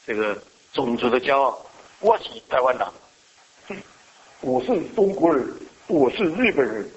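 Male pastor, bright voice, question-and-answer sermon, muffled lo-fi recording. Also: medium pitch. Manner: asks the congregation questions and answers them.

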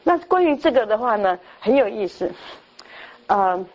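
A woman's voice: mid-range voice, big pitch swings, moderate pace, a little mellow, lo-fi sound. An older woman preaching a sermon, telling stories and acting out the lines of the people in them. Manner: storytelling, acts out quoted dialogue.

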